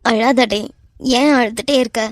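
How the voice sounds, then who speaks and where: A woman voicing a worried, quiet young woman with a Kanyakumari Tamil accent, in a cartoon love story. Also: fairly high pitch, a little slow, dry recording, clean studio sound. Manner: quiet, hesitant. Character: worried young woman, timid but fair.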